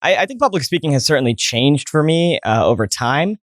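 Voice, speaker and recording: His slightly high, sing-song voice moves briskly and has a fairly bright tone. The young man, in his twenties with an American accent, was born in Saudi Arabia and partly grew up in New Jersey, and he tells stories as a casual interview guest, full of fillers and restarts. The recording is clean studio sound with no room noise.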